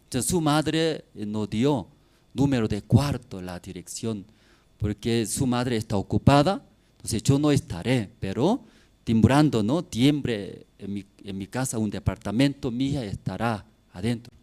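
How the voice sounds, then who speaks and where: Slow-preaching man, pastor. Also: medium pitch, expressive, darkish tone. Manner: preaching with rising emphatic bursts and frequent tag questions. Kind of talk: sermon.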